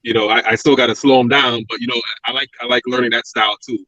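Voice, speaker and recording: A former pro wrestler from Brooklyn, New York, talks as a guest in a casual interview, speaking quickly and reflectively with restarts and fillers. His mid-range voice is level in tone yet pushed and bright. The recording is dry and close, with a dull, narrowed lo-fi sound.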